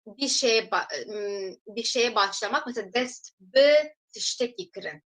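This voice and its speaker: Bright-voiced woman teaching a lesson. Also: fairly high pitch, lively intonation, low-quality recording. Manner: explains step by step, reads example sentences slowly then translates; addresses viewers as friends. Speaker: language teacher. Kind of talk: recorded language lesson.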